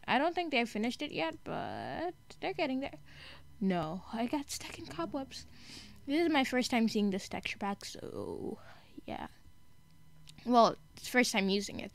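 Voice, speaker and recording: A young woman giving casual, rambling commentary while playing a video game, chatty and giggly, often correcting herself mid-sentence. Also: a little high. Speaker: gaming YouTuber.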